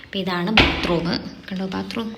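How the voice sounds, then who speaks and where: A woman's voice: medium pitch, steady tone, normal speed, gravelly, heavy background noise. A young woman, chatting casually as she gives a home tour and keeps calling out to her viewers. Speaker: vlogger giving a home tour.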